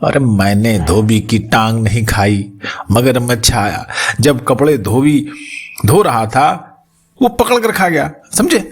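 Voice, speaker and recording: A man voicing a talking male donkey who slowly spells things out and often shouts to be understood. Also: medium pitch, very animated, slightly rough, faint music behind. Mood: exasperated.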